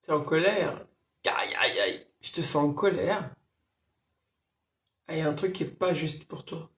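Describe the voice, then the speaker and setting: A woman's voice: low-pitched, measured pace, a bit bright, roomy sound. A woman giving spiritual readings on a casual live stream, speaking directly and coaxingly to viewers by name.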